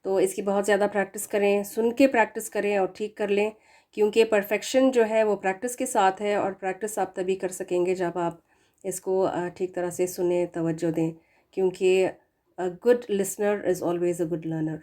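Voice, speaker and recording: A woman teaching Quran pronunciation, drawing out each example sound slowly and explaining common mistakes. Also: mid-range voice, flat delivery, darkish tone. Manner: slow, drawn-out demonstration of sounds. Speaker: tajweed teacher.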